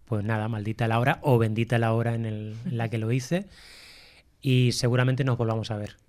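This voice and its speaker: A man's voice: mid-range voice, flat delivery, brisk, darkish tone. A man hosting a radio talk show, joking and rambling, sometimes losing his train of thought. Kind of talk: casual chat.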